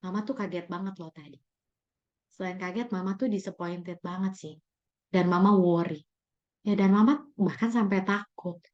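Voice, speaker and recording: A woman acting as a hushed, worried mother. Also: medium pitch, steady tone, normal speed, muffled recording, close to an everyday voice. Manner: soft, hushed, serious tone. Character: worried mother talking to her teenage child.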